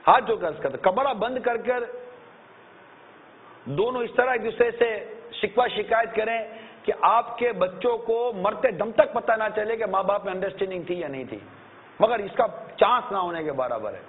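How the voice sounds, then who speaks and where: A man preaches with a high, lively voice, breaking into acted-out scolding and earnest appeals. The recording is thin and tinny, like a phone line. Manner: animated, acts out shouting parents, earnest pleading. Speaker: religious preacher. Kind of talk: sermon. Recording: tinny narrow-band lecture recording.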